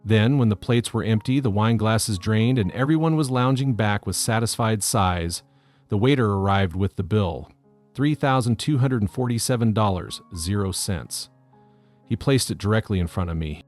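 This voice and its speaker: A man calmly reading out a first-person story as scripted narration. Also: lowish voice, normal speed, faint music behind.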